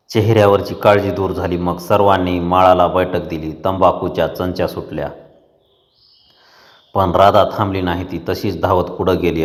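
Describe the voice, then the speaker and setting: Male storyteller, very low voice, long reverb, steady narration of a novel. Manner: steady narration, voicing dialogue with rural speech. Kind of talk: reading a Marathi novel aloud.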